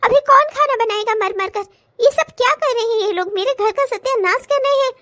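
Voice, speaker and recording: A woman's voice: extremely high pitch, fairly quick, fairly bright tone, no room sound, clean studio sound. A woman voicing a fed-up young working wife who scolds sharply in a cartoon comedy. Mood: scolding. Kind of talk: cartoon voice acting.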